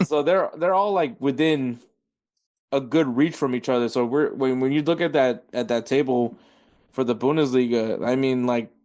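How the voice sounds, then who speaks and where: A man hosts a casual football podcast at an ordinary, middle pitch. He rambles and corrects himself as he works through league standings and stats. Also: darkish tone. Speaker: podcast host.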